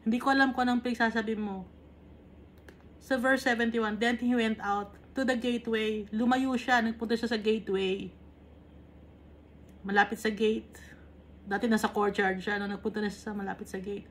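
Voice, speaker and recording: A woman's voice: a little high, fairly even intonation, normal speed, pauses often, slight background noise. A woman from the Philippines leading a Bible study. She reads English verses and then explains them in casual, conversational Tagalog, often checking in with little tag questions. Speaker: Bible teacher.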